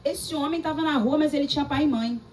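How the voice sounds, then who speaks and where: High-pitched brazilian lady preaching, emphatic and animated, mic a bit far off. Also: fast, slight background noise. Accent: Brazilian Portuguese. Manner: lively, emphatic preaching with personal stories and laughter. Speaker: pastor. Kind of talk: sermon. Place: church service. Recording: distant mic with faint room ambience.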